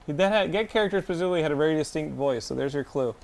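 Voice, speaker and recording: Quick-talking male co-host, wisecracking, casual. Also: on the high side, animated, gravelly. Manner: joking, rapid banter. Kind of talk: casual banter.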